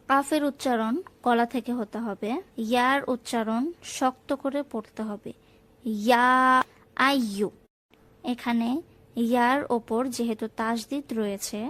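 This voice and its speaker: Female recitation teacher, native Bengali speaker, high voice, measured unhurried delivery, chants verses then explains rules. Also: steady tone. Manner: slow, careful, drawn-out chanting of verses between plain spoken explanations. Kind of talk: Quran recitation lesson with tajwid explanations.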